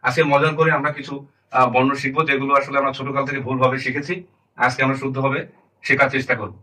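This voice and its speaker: A man's voice: mid-range voice, little pitch movement, quick pace, pushed and bright, distant mic, low-quality recording. A man teaching a spoken lesson, earnestly saying each term twice.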